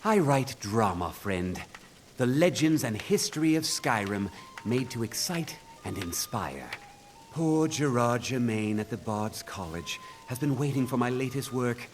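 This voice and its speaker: An actor playing a wistful, theatrical writer of dramas in a fantasy game. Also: male voice, medium pitch, a little slow, faint music behind. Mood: proud, theatrical. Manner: theatrical, expressive. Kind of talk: video game character dialogue.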